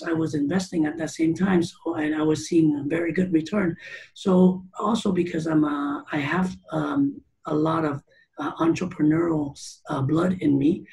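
A man's voice: a little high, creaky, a little mellow, poor audio. A middle-aged man from Canada, a startup founder being interviewed over a video call, talking casually with many fillers and restarts. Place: room with teal curtains. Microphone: video call webcam.

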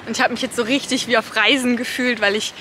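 A woman's voice: a little high, fairly even intonation, fast, pushed and bright, slight background noise. A young woman in her twenties chatting upbeat to a handheld camera, outdoors and inside a small car, thinking aloud as she talks. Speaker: travel vlogger. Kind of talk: casual vlog talk to camera.

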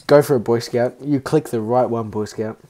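A man's voice: medium pitch, normal speed, dark tone. Giggly man reading party cards. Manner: reads cards aloud, giggly and teasing. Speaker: game host reading cards. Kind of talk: casual online game chat.

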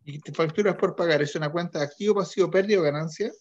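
A man's voice: fairly high pitch, fast talker, highs cut off. A male accounting teacher leading an online class, patiently quizzing students step by step. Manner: questioning students, patient and methodical.

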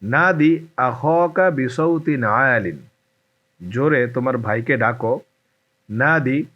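Male language tutor, very slow and deliberate, repeats every phrase, dull lo-fi recording. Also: medium pitch. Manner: says each phrase twice, then gives its meaning. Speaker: Arabic language teacher. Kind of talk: slow, repetitive language lesson.

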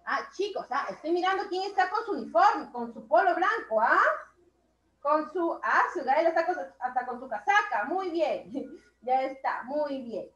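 Woman teacher, high voice, slow and drawn-out, heaps praise on small kids, roomy lo-fi call audio. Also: animated. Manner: slow, drawn-out words, warmly praising children. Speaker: primary school teacher. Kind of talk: online class instruction.

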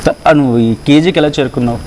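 A man's voice: a little high, quick pace, background noise. A man working as a TV anchor, speaking in an earnest, emphatic and consoling way as he presents the story and questions his guest. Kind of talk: emotional news presentation and interview.

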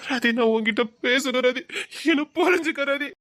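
A woman's voice: high voice, normal speed, a bit bright, no room sound, clean studio sound. A woman voicing a desperate young man in love who pleads and threatens in an audio drama. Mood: pleading. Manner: pleading, repeats her name, emotional threats. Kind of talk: Tamil audio drama acting.

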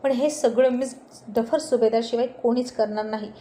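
A hot-tempered young man who scolds in an irritated, impatient way, as a woman storyteller puts him on. The voice sits fairly high and sounds mellow, with little edge. There is a faint hiss behind it. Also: steady tone, moderate pace, natural voice. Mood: annoyed.

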